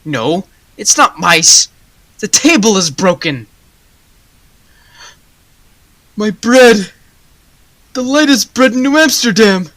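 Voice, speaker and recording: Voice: medium pitch, animated, slow pace, fairly bright tone, no room sound. A teen doing a fretful, wailing baker. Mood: alarmed. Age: teens. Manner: melodramatic, wailing laments. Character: fretful baker fearing ruin. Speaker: baker in a radio play. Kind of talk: high school radio play acting.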